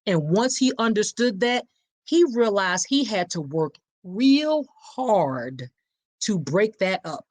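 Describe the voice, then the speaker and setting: A woman's voice: mid-range voice, slow, no echo. A middle-aged woman from Philadelphia with a Philly accent, hosting a book discussion podcast and speaking emphatically, straight to her listeners. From Philadelphia, USA. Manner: animated, talks directly to listeners, emphatic. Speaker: podcast host.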